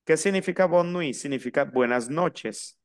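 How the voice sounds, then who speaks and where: Male language teacher, smooth clear voice, slow careful pronunciation drills. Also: a little high. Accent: Latin American Spanish. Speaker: French teacher. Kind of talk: online language lesson.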